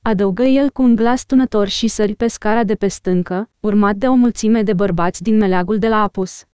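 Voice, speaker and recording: A woman reading an audiobook in steady scripted narration. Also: medium pitch, clean tone, no room sound, clean studio sound. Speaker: audiobook reader.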